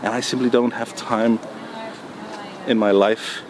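A man answering interview questions in a relaxed, hesitant way, with many ums and restarts. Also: medium pitch, measured pace. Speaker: music producer guest. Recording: noisy background.

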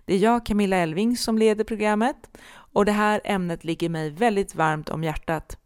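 A woman's voice: medium pitch, darkish tone, clean tone. A woman hosting a podcast as a medium, talking candidly and reflectively, with frequent hesitations. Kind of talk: personal podcast monologue.

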